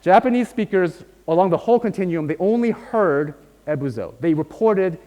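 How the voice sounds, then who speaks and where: A man teaches a university class and keeps checking with his students that they follow. His voice sits a little high for a man. It carries a long reverb that fills the lecture hall around him. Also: expressive, moderate pace, dark tone. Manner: explains patiently, checks in often with "right?" and "okay?". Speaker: linguistics lecturer.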